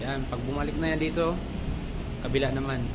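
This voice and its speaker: The recording is very noisy as a motorcycle vlogger with a Filipino accent and a medium-pitched voice chats with viewers at a fairly quick clip in a steady tone. He explains things conversationally during this casual vlog and DIY walkthrough, often saying the same thing again.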